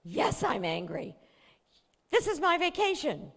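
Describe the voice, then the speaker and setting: A woman's voice: extremely high pitch, huge pitch swings, slow, a bit bright, pitched above the performer's own voice, full character voice. A woman voicing an angry sixteen-year-old girl who protests in a raised, whiny voice. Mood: indignant. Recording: long hall reverb.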